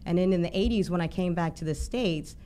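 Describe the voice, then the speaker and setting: A woman's voice: fairly low pitch, fairly quick, mellow. A woman appearing as a musician guest on a podcast, speaking reflectively in long, flowing thoughts. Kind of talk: conversational interview.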